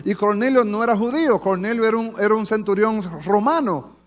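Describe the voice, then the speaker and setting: A pastor preaching a fervent sermon to his congregation in a church, addressing them warmly as beloved. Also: sits high, fairly quick. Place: church sanctuary. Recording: long church hall reverb.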